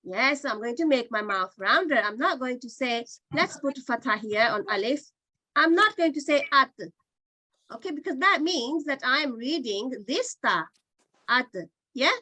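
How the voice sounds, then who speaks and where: Lady teacher on a video call, high voice, dry close sound, says each sound over and over so kids get it. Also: expressive, normal speed, bright, forceful tone, no room sound, poor audio. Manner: patient, demonstrates sounds by repeating them. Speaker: Qur'an reading teacher. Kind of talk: online class teaching.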